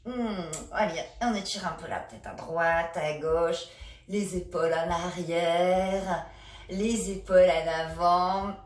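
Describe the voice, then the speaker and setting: A woman leading a laughter yoga session, coaching gently with many hesitations. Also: medium pitch. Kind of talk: guided exercise session. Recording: echoey room, a bit far from the mic.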